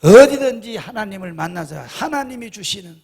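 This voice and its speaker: A man's voice: high-pitched, lively intonation, moderate pace, creaky, a little mellow, slightly rough. A middle-aged male pastor preaching a sermon, emphatic, often firing rhetorical questions at the congregation.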